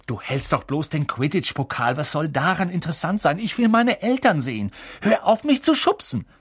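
A man reading an audiobook, voicing an orphaned boy wizard with an urgent, intense manner and a husky voice. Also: medium pitch, expressive, moderate pace, no echo, studio quality, pitched above the performer's own voice, full character voice. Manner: urgent, hushed at times.

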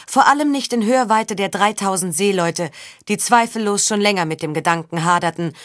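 A woman narrating a novel as an audiobook in a measured storytelling manner. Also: medium pitch, no echo, studio quality. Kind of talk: scripted narration.

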